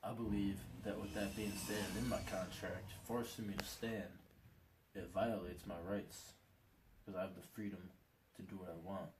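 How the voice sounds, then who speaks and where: A man plays a young football player in a homemade skit, earnest and plain-spoken. His voice sits a little low. It sounds distant and roomy, with faint noise underneath. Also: level tone, normal speed, close to an everyday voice. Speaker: player in a mock hearing. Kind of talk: amateur school skit acting. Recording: echoey room from far off, faint noise.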